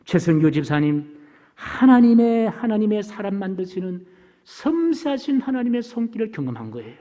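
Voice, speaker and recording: A man preaching a sermon as a church pastor. He swells into emphatic repeated phrases and drops to hushed, whispered lines. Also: high voice. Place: church sanctuary. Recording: church hall reverb.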